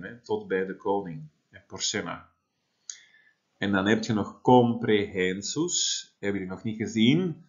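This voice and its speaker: A man's voice: fairly low pitch, highs cut off. A man, teaching a Latin translation lesson and explaining step by step with frequent tag questions. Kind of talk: classroom lesson.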